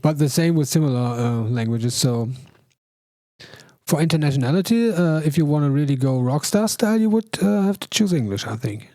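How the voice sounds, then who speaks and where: Host: man, mellow dark voice, talkative and rambling, dry sound. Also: fairly high pitch, expressive, fairly quick, no echo. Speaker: stream host, producer. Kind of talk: casual chat on a stream.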